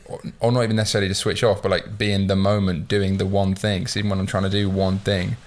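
A man's voice: low-pitched, little pitch movement, quick pace. A man in his twenties hosting a podcast, chatting casually, swearing freely and reflecting on himself. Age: 20s. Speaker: podcast host. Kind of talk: casual chat.

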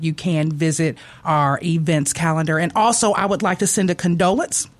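A man hosting a radio show, chatting casually and reading announcements in an upbeat, brisk way from a studio. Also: sits high.

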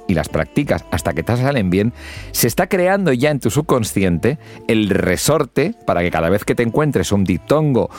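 Lively man coaching speech. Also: deep voice. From Spain. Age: middle-aged. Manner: lively, demonstrates pronunciation with exaggerated examples. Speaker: podcast host and public speaking mentor. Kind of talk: instructional podcast talk.

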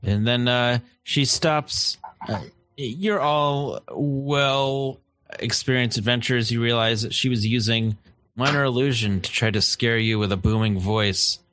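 A man running a tabletop game as game master, halting with many fillers and laughing often. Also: mid-range voice, fairly bright tone.

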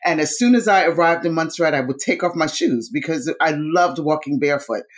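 A woman's voice: low voice, brisk. A woman from New York, a dancer, talking as an interview guest in an effusive, rambling way with many fillers. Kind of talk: casual conversation.

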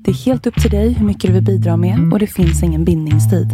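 A woman reading a short promotional ad in an upbeat, persuasive way. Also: on the low side. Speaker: ad announcer. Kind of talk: promotional ad read. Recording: ad over loud guitar music.

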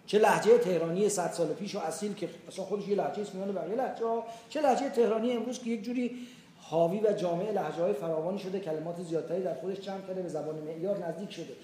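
A man's voice: high-pitched, mellow. Older male Quran teacher from Iran, explaining patiently with examples, in a reverberant hall. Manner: explanatory, uses everyday examples. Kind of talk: tafsir lecture. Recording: echoey room with faint background noise.

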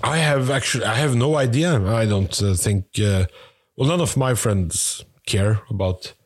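Male co-host, lower register, very dry recording, halting and understated conversational delivery. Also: dry recording. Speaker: podcast co-host. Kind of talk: casual chat.

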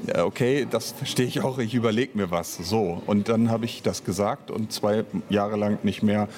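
This lowish, slightly mellow male voice keeps a steady tone at a moderate pace. As a guest in a casual interview, the audio drama writer-director gropes for words while giving long explanations.

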